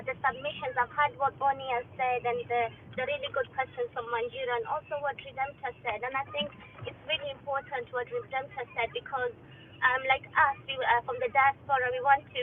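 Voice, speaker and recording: A woman from Kenya speaking earnestly and hesitantly in a casual discussion, heard through a Bluetooth headset mic that sounds far off. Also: high-pitched. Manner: earnest, hesitant, with many restarts. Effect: Bluetooth headset mic, heard as if from afar. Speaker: diaspora participant in an online audio discussion. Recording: tinny Bluetooth call line with faint noise.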